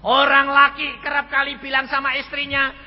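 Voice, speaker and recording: A man's voice: extremely high pitch, monotone, normal speed. An older man with a Javanese accent preaching a sermon, telling stories with animation and acting out the people in them. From Central Java, Indonesia. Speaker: evangelist preacher. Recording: dull, reverberant hall recording with faint noise.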